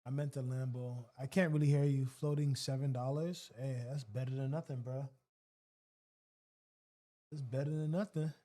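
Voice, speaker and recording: Man, livestream trading host, casual slangy commentary, warm mellow voice. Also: mid-range voice, steady tone, normal speed, long pauses. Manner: casual and slangy, talking to chat. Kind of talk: live commentary while trading.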